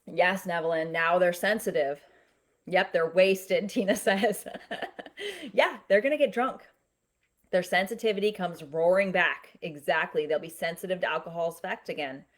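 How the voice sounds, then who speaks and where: A woman's voice: lowish voice, normal speed. A woman teaching on a live stream. She explains step by step, often checks in with "right?" and "okay?", and answers viewer comments in a conversational way. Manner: conversational, with some restarts.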